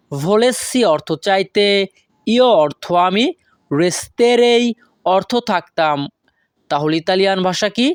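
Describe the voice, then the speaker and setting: A woman gives a scripted language lesson at a very slow, deliberate pace. She says each phrase in careful pieces and repeats it word by word. Her voice sits in a middle pitch, recorded close and dry. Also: dry recording. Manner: slow, careful, spells out words one by one. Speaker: language teacher.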